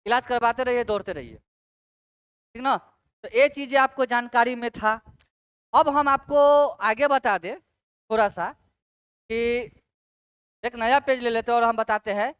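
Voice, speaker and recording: A woman lectures on exam-prep science in a fairly high, smooth and resonant voice. The sound is dry and close. She drags out key terms syllable by syllable and asks her students rhetorical questions to check they follow. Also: a little slow, long pauses, no echo. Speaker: teacher.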